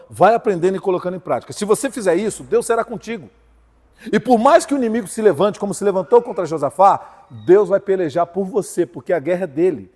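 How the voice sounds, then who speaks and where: An emphatic Brazilian man delivers a sermon, his voice sitting a little high for a man. He keeps throwing rhetorical questions out to the congregation. The sound carries a long reverberant tail from the church hall. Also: a little mellow. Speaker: preacher.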